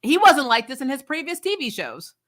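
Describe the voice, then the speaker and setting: A woman who hosts a TV show review channel does a casual spoiler recap, reading and answering viewer comments. Her voice is high and bright and a little fast, and she's animated, sarcastic, exasperated and blunt, swearing casually.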